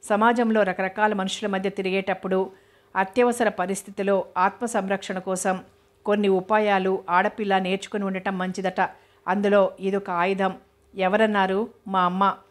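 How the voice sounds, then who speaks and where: A woman reading a novel aloud as narrator in a steady, even way. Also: medium pitch, moderate pace.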